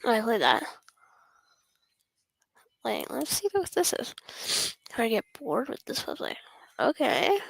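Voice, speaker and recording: A woman's voice: a little high, wildly swooping pitch, takes it slowly, gravelly, pauses often, breathy edge, no room sound. A woman streamer chatting to herself while gaming, joking and often dropping into whispers. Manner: jokey, self-interrupting. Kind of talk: casual gameplay commentary.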